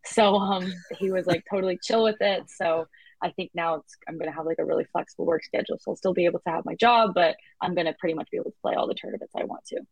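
A woman in her twenties chats as an interview guest, her voice sitting a little low. She talks freely, restarting sentences and adding fillers as she goes. The sound is close and dry, with no room around it. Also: fast, vocal fry, no room sound, poor audio. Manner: chatty, with frequent restarts and fillers. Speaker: guest athlete. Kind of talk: casual interview chat.

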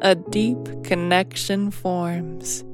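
Slow woman tucking you in at bedtime. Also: fairly low pitch, fairly even intonation. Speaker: sleep story narrator. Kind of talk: bedtime story narration. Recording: piano music behind. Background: soft piano music.

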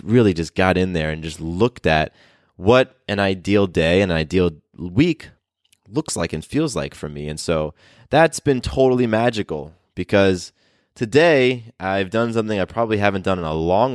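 A man's voice: sits low, expressive, normal speed, dry recording, clean studio sound. A man hosting his own podcast, talking casually and upbeat with fillers and restarts. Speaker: podcast host. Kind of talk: casual solo podcast talk.

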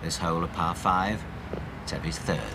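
A man working as a golf commentator, giving live commentary in a measured way with exclamations and rhetorical questions. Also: deep voice, fairly even intonation. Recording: old outdoor broadcast, loud crowd and noise. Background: crowd and outdoor noise.

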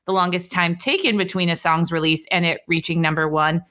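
A woman co-hosting a casual chat podcast, her voice on the low side of her range but strikingly bright and forceful. She reads out facts in an upbeat way, then tosses in a quick joke. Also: steady tone. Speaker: co-host.

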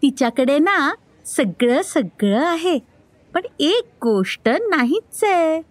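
A woman's voice: high-pitched, sing-song, takes it slowly, no echo, pitched above the performer's own voice, exaggerated voice. A woman voicing a snide, mocking little girl in a storybook, taunting as she speaks.

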